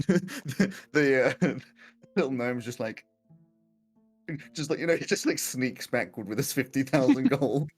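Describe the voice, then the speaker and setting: A man narrating a tabletop game as game master, improvising in a jokey, animated way among friends. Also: medium pitch, a little slow, long pauses, husky, soft background music.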